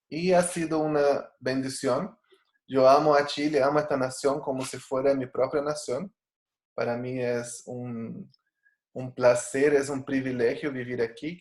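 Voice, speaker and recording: A native Portuguese speaker from Brazil teaches an online Bible study over a video call, his mid-range voice sounding reverberant. He speaks earnestly, often using fillers and restarting sentences.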